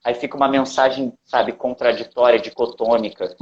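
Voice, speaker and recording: A man's voice: medium pitch, normal speed, dull audio. A Brazilian man, a guest coach, explaining in casual talk and acting out inner voices. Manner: animated, acts out inner voices. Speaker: interview guest, NLP coach.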